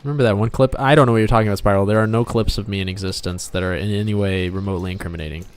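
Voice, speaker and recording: While he draws on a relaxed livestream, a game developer jokes around with viewers at a racing pace. His voice is on the low side, steady and clean in tone, and music plays in the background.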